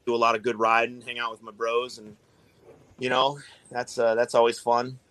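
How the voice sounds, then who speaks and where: A man's voice: medium pitch, monotone, moderate pace, a crowd in the background. A man in a casual podcast chat, talking in a laid-back, rambling way with lots of swearing. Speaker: guest, tattoo artist.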